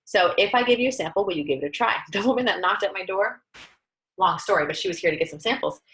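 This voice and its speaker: A woman giving a casual, upbeat training talk, chatty and lively, often breaking into quoted dialogue. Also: fast talker, poor audio. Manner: lively, upbeat, acts out quoted dialogue with sudden high pitch jumps. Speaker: network marketing trainer.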